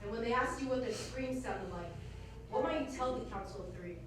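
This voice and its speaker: A woman's voice: fairly high pitch, fairly quick, close to an everyday voice. A woman on stage playing a proud, cold evil queen with an imperious, menacing delivery. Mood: cold menace. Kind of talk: theatrical stage acting. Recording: echoey theatre, far-off mic, faint noise.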